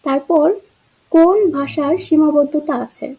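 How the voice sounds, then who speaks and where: Female teacher, high pitch, soft dark timbre, explains answers step by step. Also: flat delivery, measured pace, low-quality recording. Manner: explains answer choices, asks rhetorical checks. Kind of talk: exam-prep grammar lesson.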